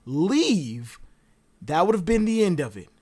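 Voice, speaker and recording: This speaker joins a casual stream as a guest to chat about anime theories. The voice sits at an ordinary middle pitch. The delivery is animated and rambling, with frequent side tangents. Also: quick pace. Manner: rambling and animated, full of digressions. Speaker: podcast guest.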